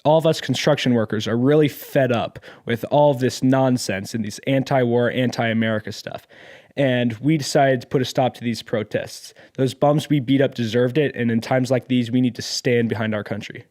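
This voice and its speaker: A man's voice: medium pitch, fairly even intonation, normal speed, a little mellow, close to an everyday voice. A man playing an indignant, patriotic construction worker in a news interview. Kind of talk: acted studio interview.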